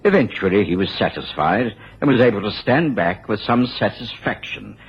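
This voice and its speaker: A man playing a loyal doctor companion in a radio drama, telling the detective's story in a measured, gentlemanly way. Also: on the low side, sing-song, slightly rough, heavily acted. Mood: measured storytelling. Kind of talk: radio drama narration and dialogue. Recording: muffled, faintly noisy radio drama recording.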